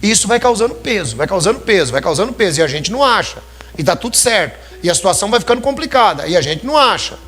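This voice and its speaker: High-voiced preacher, chatty sermon. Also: male voice, big pitch swings, fast, fairly bright tone, slightly rough, faint music behind. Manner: conversational preaching, addresses listeners as brothers.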